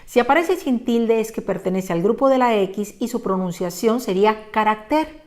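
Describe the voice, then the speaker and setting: Woman, teacher, clear patient explanation, mid-pitched voice. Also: darkish tone. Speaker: Spanish teacher. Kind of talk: online lesson on pronunciation and spelling.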